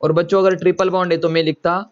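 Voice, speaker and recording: A man's voice: sits high, level tone, fast talker, dull audio. A man teaching a chemistry lecture to students, often repeating himself and coaxing them to answer. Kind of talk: classroom lecture.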